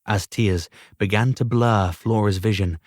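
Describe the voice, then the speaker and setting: A man reading an audiobook aloud as narrator, in a measured storytelling manner. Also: fairly low pitch, a little mellow, dry recording, studio quality. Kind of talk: scripted narration.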